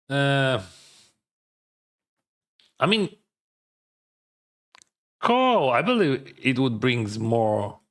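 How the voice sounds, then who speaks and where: Speaking slowly, a man whose native tongue is Russian reasons aloud in English while streaming his online poker play. His voice sits at medium pitch, and his hesitant speech leans heavily on fillers as he doubts his own decisions.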